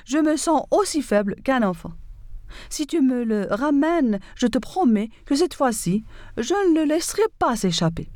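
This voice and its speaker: Give me a famished fable lion, voiced by a woman, making excuses with a lively pitch. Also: moderate pace, no echo. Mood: excusing. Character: hungry, weakened male lion, boastful predator.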